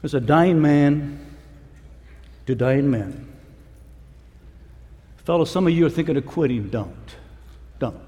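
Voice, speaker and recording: A man preaching a conference sermon, swinging between shouts and hushed pleading. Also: fairly high pitch, expressive, takes it slowly, pauses often, lo-fi sound. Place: conference hall. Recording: large hall with long reverb.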